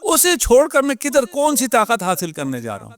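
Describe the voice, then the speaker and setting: A man's voice: very high voice, huge pitch swings. A man, a cleric giving a sermon at a religious gathering and firing rhetorical questions at the audience. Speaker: Shia cleric.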